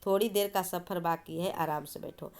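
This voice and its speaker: Woman voicing an older Sikh man, calm, firm, soothing, storybook reading. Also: on the low side, moderate pace, close to an everyday voice.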